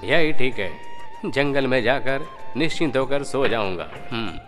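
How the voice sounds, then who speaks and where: A man's voice: medium pitch, animated, unhurried, a bit bright, big-room sound, faint music behind. An actor playing a drowsy village boy who dreams of the future and pleads with his friends.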